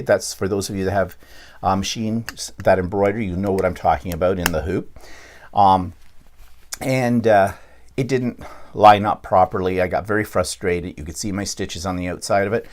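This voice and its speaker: A middle-aged Canadian man chats on his quilting vlog, doing a casual show-and-tell. He rambles with frequent ums and restarts and clears his throat now and then, in a lowish, slightly mellow voice.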